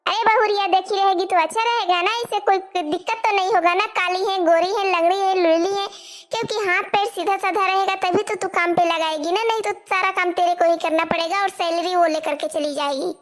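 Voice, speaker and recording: A woman voicing a bossy, scolding mother-in-law in a cartoon, with a very high voice. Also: steady tone, fairly quick. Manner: nagging, lecturing. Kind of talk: cartoon voice acting.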